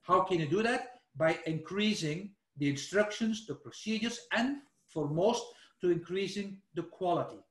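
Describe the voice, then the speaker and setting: His voice sits high and sounds expressive, moving at a moderate pace with few pauses in a roomy-sounding space. He's a Flemish-accented man from Belgium giving a loose, explanatory technical webinar via screen share, unseen, fixing his phrasing and using "let's say."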